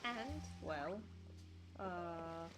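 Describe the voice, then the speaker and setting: A woman game streamer with a slightly low voice and a slow pace. She muses casually aloud over loud game music. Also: lively intonation. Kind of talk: casual gameplay commentary.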